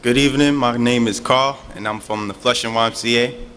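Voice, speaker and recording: A man's voice: medium pitch, steady tone, brisk, fairly bright tone, slight background noise. A man from the audience introducing himself and politely asking the panel a question. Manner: polite, formal. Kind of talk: formal question from the floor.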